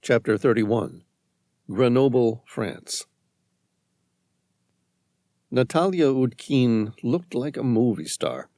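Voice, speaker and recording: Slow, expressive male audiobook narrator. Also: medium pitch, no echo, clean studio sound. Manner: measured, expressive storytelling. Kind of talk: scripted narration.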